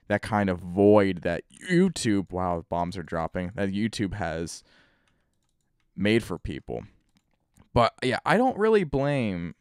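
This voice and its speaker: A man's voice: low voice, darkish tone, clean tone, dry recording, clean studio sound. A man who makes gaming videos, ranting casually and rambling over gameplay with loose restarts. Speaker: gaming YouTuber.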